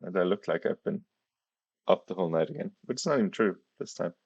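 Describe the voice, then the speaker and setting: A tired man quietly giving casual live chess commentary, speaking hesitantly and awkwardly because of a swollen tongue. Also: low voice, lively intonation, quick pace, breathy edge. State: sore, swollen bitten tongue. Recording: dull, roomy sound.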